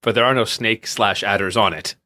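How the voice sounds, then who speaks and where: A man's voice: lowish voice, fairly even intonation, fairly quick, sharp tone, pitched below the performer's own voice. A man playing a skeptical guy in an improv bit who keeps asking careful questions about a trail. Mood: wary.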